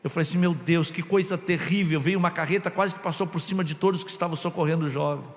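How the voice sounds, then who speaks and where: A Brazilian pastor telling a story in a sermon, dramatic, swinging from shouts to hushed tones. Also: male voice, fairly high pitch, quick pace. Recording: long reverb of a large hall.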